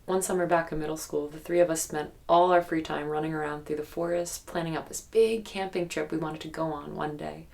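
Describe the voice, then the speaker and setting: A guarded young woman, cast in an investigative audio drama, recounts a haunted memory in a naturalistic documentary-style interview, her mood wistful and guarded. Her very low, fry-heavy voice is a little mellow with fairly even intonation, and she tells the story hesitantly and reflectively, with pauses.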